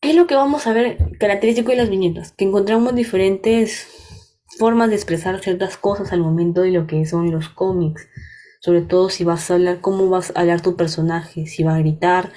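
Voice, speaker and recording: Leading a workshop lecture, this young adult woman has a Peruvian Spanish accent and a lowish, dark voice that moves a little fast. She breaks things down step by step and keeps asking whether people are with her.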